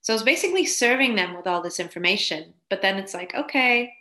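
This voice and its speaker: A woman's voice: mid-range voice, expressive, fast, sharp tone. A woman guest on a podcast interview, telling her story in a chatty way, laughing often and filling with "like". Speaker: podcast guest, spiritual coach.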